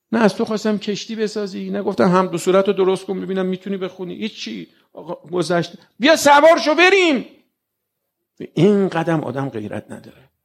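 Male preacher, sermon delivery, somewhat high, gravelly texture, chatty and questioning. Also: a little mellow. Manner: rhetorical, questions the listeners directly; colloquial and conversational. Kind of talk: religious sermon.

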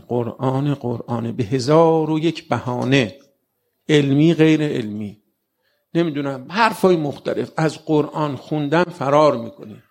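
A man's voice: medium pitch, gravelly, a little mellow. A man preaching a religious sermon in a colloquial way, often putting rhetorical questions straight to his listeners. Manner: colloquial and conversational.

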